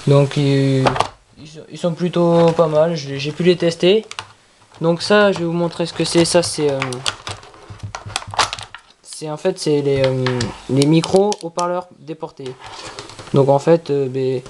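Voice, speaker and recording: A product reviewer talking casually through an unboxing in a halting, repetitive way. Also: medium pitch, fairly even intonation. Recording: clearly noisy with handling clicks.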